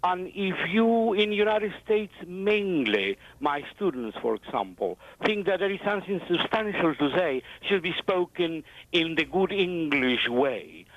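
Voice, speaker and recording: A man's voice: on the high side, no room sound. Peruvian man on a dull phone line. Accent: Peruvian Spanish. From Peru. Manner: formal, halting, polite. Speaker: caller, teacher.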